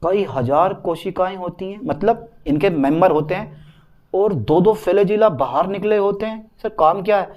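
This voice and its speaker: A man's voice: sits high, moderate pace, darkish tone. A male botany teacher giving an online exam-prep lesson, repeating key points and reassuring his students.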